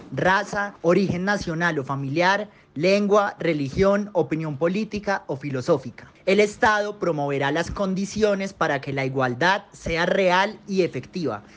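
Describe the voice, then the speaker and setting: A guest reading a legal text aloud in a measured, formal manner. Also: medium pitch. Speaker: guest reader.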